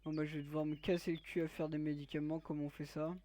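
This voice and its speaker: A man's voice: on the high side, little pitch movement, fast, mellow. A man giving let's play commentary, joking crudely and teasing his viewers. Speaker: gaming YouTuber.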